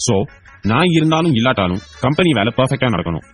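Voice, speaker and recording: A man's voice: medium pitch, fast, faint music behind, close to an everyday voice. A man voicing a breezy, talkative young company boss in an audio story. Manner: playful, talkative, lively delivery.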